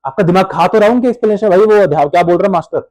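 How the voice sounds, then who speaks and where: Animated high-voiced teacher. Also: male voice, rapid-fire. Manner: animated, addresses students as beta, plays student answers himself. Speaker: accounting teacher. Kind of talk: classroom lecture.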